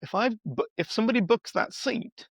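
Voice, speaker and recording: A middle-aged man speaking as a guest expert in a conversational podcast interview, animated and acting out quoted dialogue with playful voices. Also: high-pitched, a little fast, husky, no room sound. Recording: slightly dull, dry sound.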